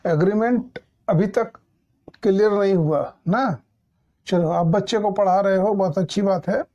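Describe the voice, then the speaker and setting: Slow, mellow-voiced male English teacher. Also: high voice, highs cut off. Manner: patient, repetitive explaining with checking questions. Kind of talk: doubt-clearing class explanation.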